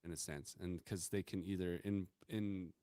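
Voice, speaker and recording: A man co-hosting a loose bar-banter podcast, his voice sitting low and sounding dry and close. He asks winding questions, stopping and restarting with plenty of fillers. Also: fairly even intonation, dark tone, smooth, no echo. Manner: rambling, halting questions with many fillers. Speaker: podcast co-host.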